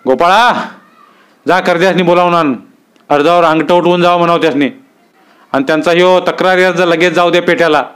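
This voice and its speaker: A man's voice: high voice, steady tone, a little fast, fairly bright tone, clear, resonant tone, voice pushed up. A man reading a story aloud, voicing a stern, commanding middle-aged village headman who gives curt orders. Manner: authoritative, issues curt orders.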